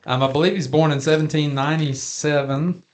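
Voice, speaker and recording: A man's voice: on the high side, steady tone, fairly quick. A man co-hosting a podcast in casual chat, folksy and jokey, sometimes drawing out his phrases. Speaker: podcast co-host.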